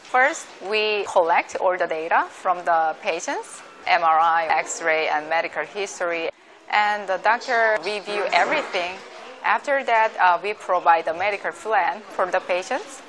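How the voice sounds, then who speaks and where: A woman in her thirties introduces her hospital's services to camera in a lobby. Her voice is lowish and her phrasing simple, with brief fillers. A faint hiss runs underneath. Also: animated, measured pace, fairly bright tone. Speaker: hospital international center staff. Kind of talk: presenting to camera.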